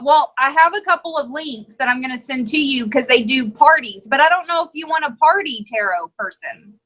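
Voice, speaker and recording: A woman co-hosting a casual podcast chat, animated and laughing often as she builds theories. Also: high voice, fairly quick, rough recording. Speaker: podcast co-host.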